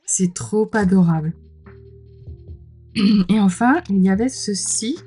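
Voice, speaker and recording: Taking it slowly, a woman with a medium-pitched, dark, slightly rough voice gushes through casual unboxing commentary for her tarot channel. She is mildly ill and clears her throat, and music plays behind her frequent exclamations.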